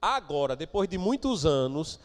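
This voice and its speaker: A man preaching a sermon as pastor of a church, moving between quiet asides and loud, emphatic declarations. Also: a little high, sing-song, normal speed, long reverb tail. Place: church sanctuary.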